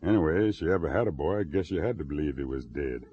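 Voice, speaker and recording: An actor playing a weary, blunt old man on a city stoop, talking in terse, gruff drawls in a 1950s radio drama. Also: extremely low pitch, lively intonation, fast. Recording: dull old radio recording, faint hiss.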